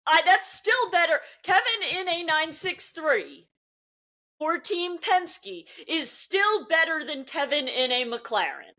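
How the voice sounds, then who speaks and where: A woman co-hosting a podcast in casual chat, excitable and quick to laugh. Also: very high voice. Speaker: podcast co-host.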